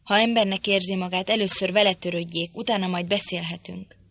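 A woman reading the lines of a brooding, desperate young man in an audiobook, urgent and hushed. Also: on the low side, level tone. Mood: stern.

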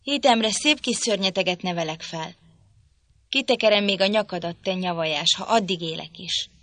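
A woman reading an audiobook, voicing a drunken, violent young father who rants and threatens loudly. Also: lowish voice, no echo. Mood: menacing. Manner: loud, ranting, threatening.

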